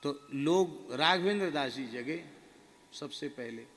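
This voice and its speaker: A man preaching a devotional sermon, telling a personal story in a slow, earnest first-person way. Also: on the high side, expressive, a bit bright. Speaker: spiritual preacher. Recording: reverberant hall with faint noise.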